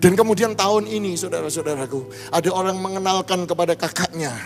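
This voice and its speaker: A man's voice: high voice, fast, faint music behind. A man preaching a sermon, telling a testimony fervently and calling out to the congregation again and again. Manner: fervent, repeatedly addressing the congregation.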